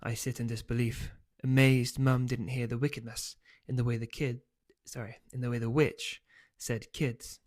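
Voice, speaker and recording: A man reads his own novel aloud as its author. His voice sits at a middle pitch and he keeps a steady storytelling pace. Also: moderate pace, hardly any pauses. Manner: steady storytelling, loose and hesitant when speaking offhand.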